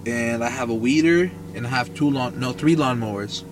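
A man's voice: mid-range voice, moderate pace, noisy background. A man from Mexico chatting casually, joking and sarcastic, swearing often. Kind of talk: casual profane chat.

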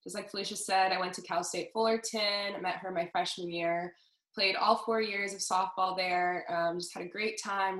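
A bright, lowish female voice belongs to a woman in her twenties from Southern California who co-hosts a podcast. She keeps the casual chat upbeat and friendly, with plenty of fillers. The sound is roomy and roughly recorded.

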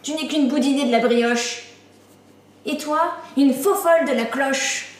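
A gleeful, mocking old witch from a storybook, trading made-up insults in a high, sing-song voice, as a woman reads her. The delivery is slow and teasing. A roomy echo hangs on every word. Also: far from the mic. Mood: squabbling.

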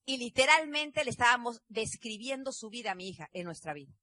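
A bright, high-pitched woman. She tells her story in a lively, animated way, rising at times to a shout. Her voice is recorded close and dry. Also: a little fast, no room sound. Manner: animated, acts out quotes, often shouts. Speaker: business seminar speaker. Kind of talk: motivational storytelling talk.

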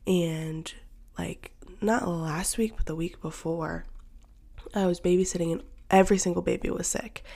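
A woman's voice: lowish voice, fairly even intonation, moderate pace, vocal fry, mellow. A young woman hosting a podcast in casual chat, slightly nasal from a cold, bubbly with whispery asides. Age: young adult. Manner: chatty, bubbly, frequent slips into whispery asides. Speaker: podcast host.

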